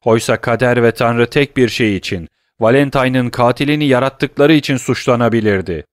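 A man's voice: mid-range voice, a little fast, no room sound, studio quality, close to an everyday voice. A man voicing a grief-stricken young lover who declaims accusations with raised, urgent intensity, in an audiobook. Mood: impassioned.

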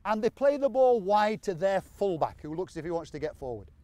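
A man coaching players on an outdoor training pitch, encouraging them and repeating short commands. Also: sing-song, brisk, mellow, no echo. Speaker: football coach. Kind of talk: on-field coaching instruction.

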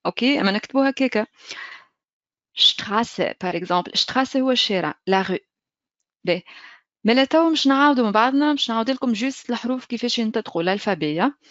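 Woman, Tunisian accent, German teacher, fast talker, fairly high voice, slightly dull dry audio. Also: animated, a bit bright, dry recording. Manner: drills pronunciation, checks in with students often. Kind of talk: online language lesson.

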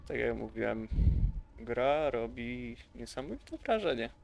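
Gravelly man chatting over gameplay. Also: mid-range voice, big pitch swings, unhurried. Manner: chatty, rambling, enthusiastic. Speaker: gaming youtuber. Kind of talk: casual gameplay commentary.

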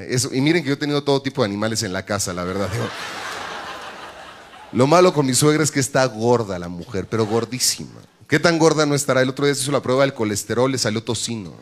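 A brash Mexican comedian does a bawdy stand-up routine on a comedy club stage, leaping into shrill, high-pitched voices for his punchlines. It's recorded live, with the audience crowd and noise audible.

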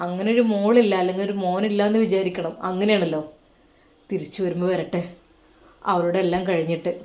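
A woman's voice: on the low side, fairly even intonation, fairly quick, darkish tone, lightly acted. A woman voicing a kind, pious young husband who consoles his elders respectfully in a Malappuram Malayalam accent. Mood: consoling.

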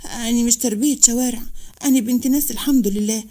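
Woman voicing defiant young Egyptian woman, sharp-tongued, high voice. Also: quick pace. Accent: Egyptian Arabic.

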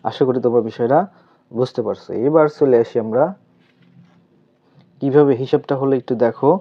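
A man's voice: mid-range voice, fairly even intonation. A man teaching a chemistry lesson step by step with a Bangladeshi Bengali accent, asking questions aloud and answering them himself. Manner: asks questions aloud then answers, repeats terms slowly. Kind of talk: step-by-step tutorial explanation. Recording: slightly dull lo-fi recording.

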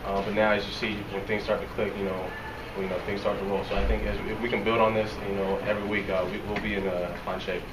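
After a game, a football player in his twenties answers reporters at a press conference in an indoor locker room press area, speaking quickly and softly with lots of fillers and restarts. His voice is on the low side with a level tone, captured on reporters' recorders held close, though the audio sounds roomy, distant, and noisy.

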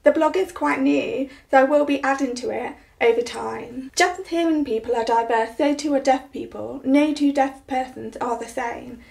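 A woman in her forties, a blogger giving a clear, deliberate scripted presentation with practical tips. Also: high-pitched, darkish tone. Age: 40s.

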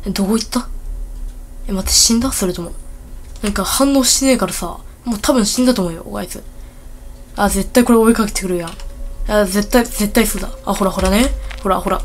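A woman hosting a casual gameplay video, rambling and excitable with blunt, rough speech, talking a little thickly from a bitten tongue. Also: medium pitch, a little fast. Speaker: gaming video host.

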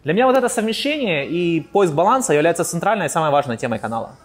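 A man in his late twenties narrating a scripted video message, lively and enthusiastic. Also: fairly high pitch, fast talker, echoey room. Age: 20s. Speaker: contest entrant.

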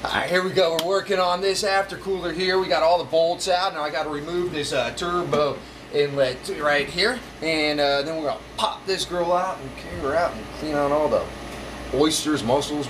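Plain-spoken mechanic in an echoey engine room. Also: male voice, on the high side, moderate pace. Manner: plain-spoken, hands-on walkthrough. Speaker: marine mechanic showing his work. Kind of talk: casual how-to explanation. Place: yacht engine room, indoors. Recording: echoey engine room, distant from mic, steady machine hum.

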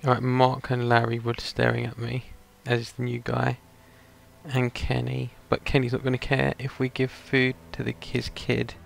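A man gives casual game playthrough commentary. His voice is mid-pitched and extremely creaky. Faint music plays behind him. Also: monotone, normal speed. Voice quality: creaky, gravelly. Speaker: gaming video host.

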